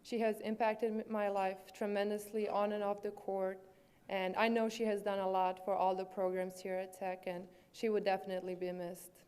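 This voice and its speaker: Serbian accent girl in her 20s doing a banquet speech, smooth clear voice, earnest, lots of ums. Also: mid-range voice, flat delivery, normal speed, a little mellow. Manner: earnest, with fillers and hesitations. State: swollen lip. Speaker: student athlete.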